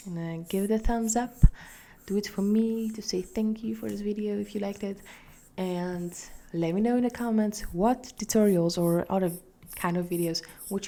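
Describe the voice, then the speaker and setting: A young woman with a Polish accent, talking casually through a drawing tutorial, hesitant and repeating words, sometimes dropping into soft whispers. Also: mid-range voice, gravelly. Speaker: art tutorial host.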